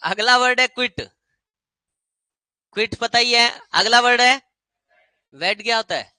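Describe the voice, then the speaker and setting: A man teaching English grammar in a lively classroom lecture, repeating words as drills and slowing right down on English phrases. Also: high-pitched, no echo, rough recording.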